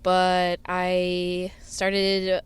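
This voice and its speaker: A band's singer-songwriter, a woman whose first language growing up was sign language, rambles as a guest in a casual interview in a parked car, with many fillers and laughs. Her lowish voice is monotone and smooth with drawn-out words, on a dry recording.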